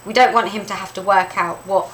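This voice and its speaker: A woman presenting a dog-training lesson, lively and emphatic, who repeats her key points. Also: mid-range voice, a little fast, a little hiss or hum, rough recording. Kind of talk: instructional talk to camera.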